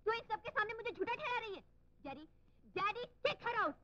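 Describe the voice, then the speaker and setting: An actress playing a spoiled, haughty elder daughter who shouts scornfully, on a muffled old film soundtrack. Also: female voice, extremely high pitch, animated, normal speed, full character voice. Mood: indignant. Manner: shouting, scornful, mixing English insults.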